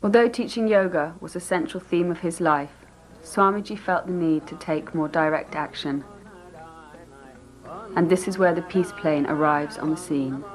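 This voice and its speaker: Woman narrator, lowish and measured, scripted documentary read with music behind. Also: low-quality recording. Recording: music under the voice.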